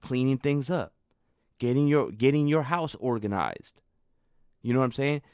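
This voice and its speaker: A man hosting a show who tells stories in a rambling, conversational way, full of fillers, and gets animated when he recounts frustration. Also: mid-range voice, normal speed, clear, resonant tone, no room sound, clean studio sound. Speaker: show host. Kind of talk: casual storytelling talk.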